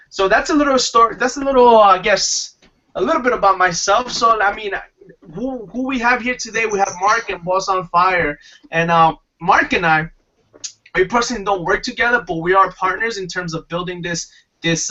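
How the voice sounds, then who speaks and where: A man's voice: high-pitched, bright, forceful tone, distant mic, dull audio. A man hosting a webinar, talking enthusiastically in a rambling way with restarts. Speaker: webinar host. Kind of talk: casual pitch talk.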